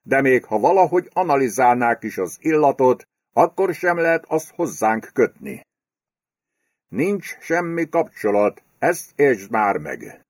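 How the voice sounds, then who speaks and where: A domineering, crude male property speculator, read by a man in an audiobook. He threatens and bullies with a lively, swinging delivery. The sound is close and dry. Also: medium pitch, no echo, pitched above the performer's own voice. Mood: menacing. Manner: menacing, bullying, crude. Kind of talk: audiobook character voice.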